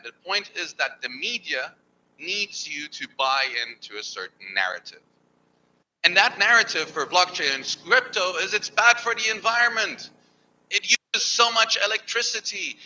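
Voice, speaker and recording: Emphatic man with a bright voice. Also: on the high side, a little hiss or hum, poor audio. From Germany. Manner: emphatic, persuasive. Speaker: panelist. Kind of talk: panel discussion. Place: event hall.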